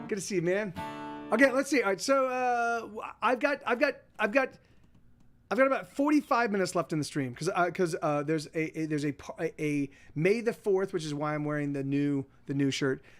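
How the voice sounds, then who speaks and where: Chatting with his livestream viewers, a high-voiced man in his forties rambles casually. His sentences come out halting and self-interrupting, peppered with frequent swearing.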